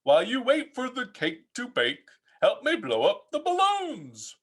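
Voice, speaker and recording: Man as a storybook dad frog, raised pitch, animated, helpful, calling out instructions. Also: unhurried, breathy edge, full character voice. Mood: helpful, instructing. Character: helpful, instructing father frog, adult male.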